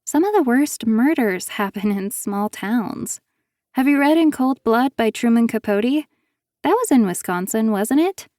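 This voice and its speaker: A woman's voice: fairly high pitch, animated, a little slow, darkish tone, no room sound, studio quality, voice pushed up. A woman doing a sly, sugary-sweet menacing author. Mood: sweetly probing. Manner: falsely sweet, taunting.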